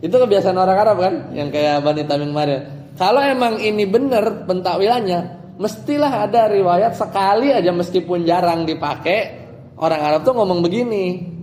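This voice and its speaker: Male teacher, fairly high voice, relaxed lesson talk, explains point by point, long hall reverb. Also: normal speed, a little hiss or hum. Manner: explains step by step, asks students rhetorical questions. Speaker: Islamic teacher. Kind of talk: casual Arabic grammar lesson.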